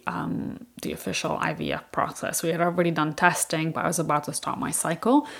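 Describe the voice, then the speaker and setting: Low gravelly-voiced woman sharing a story. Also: bright, forceful tone. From Ireland. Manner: candid, chatty, frequent fillers. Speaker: podcast host. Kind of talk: personal storytelling podcast.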